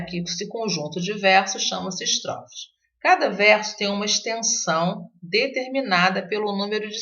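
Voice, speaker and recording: A woman teacher talks through a recorded lesson with a gravelly edge to her voice, at a middling pitch. She hesitates often and restarts her sentences. The sound is dull and lo-fi. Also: fairly bright tone. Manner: hesitant, many fillers and restarts. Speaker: literature teacher.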